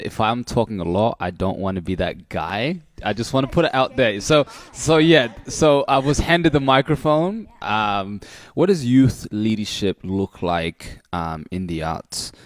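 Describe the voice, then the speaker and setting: A man's voice: lowish voice, unhurried, dry recording, studio quality. A man speaking casually as a panellist in a livestream discussion. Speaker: youth arts panellist.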